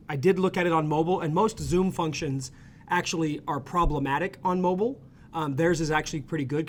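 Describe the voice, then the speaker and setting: A man walking viewers through a screen-share tutorial as an ecommerce consultant, energetic and chatty, checking in with "okay?" and "right?" after each point. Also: a little high, a little hiss or hum.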